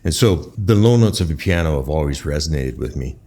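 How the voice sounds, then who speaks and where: A man answering as a guest expert in an interview, explaining conversationally in a thoughtful, halting way with pauses. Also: rumbling low, lively intonation, mellow, slight background noise. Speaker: guest expert, bass maker.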